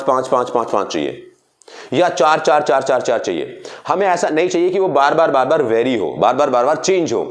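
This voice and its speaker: A man with a higher voice teaches a physics class, working at the board as he talks. He keeps asking the students questions and answering them himself. He repeats key words over and over and drops English phrases into his explanations. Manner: addresses students directly, mixing in English phrases.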